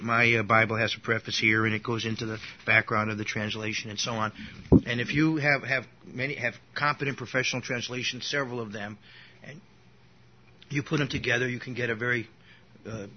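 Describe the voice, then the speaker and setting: A man's voice: mid-range voice, steady tone, a little fast, slight background noise. A man teaching an informal Bible lesson, rambling and restarting his sentences, with an occasional cough. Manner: rambling, with frequent restarts and asides. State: coughing now and then. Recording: dull lo-fi recording.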